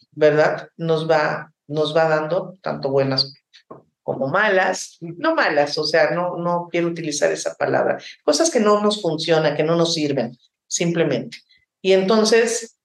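A woman's voice: lowish voice, darkish tone. Woman drama teacher talking about her work, lots of "¿no?", echoey room. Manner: passionate, reflective, many rhetorical "¿no?" tags. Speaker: theater teacher and director. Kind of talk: podcast interview answers. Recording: roomy echo.

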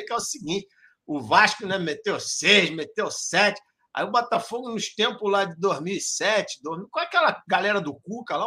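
A man hosting a casual live-stream football chat, loud and joking, swearing freely. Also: sits high. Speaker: show host.

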